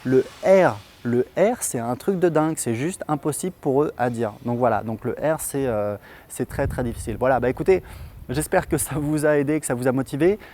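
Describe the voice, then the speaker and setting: A man whose first language is French, hosting a relaxed spoken lesson on his channel. He talks in a loose, chatty way, stopping often to hesitate and restart. His voice sits at an ordinary mid pitch. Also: fairly quick. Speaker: English teacher and channel host. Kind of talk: casual spoken lesson to camera.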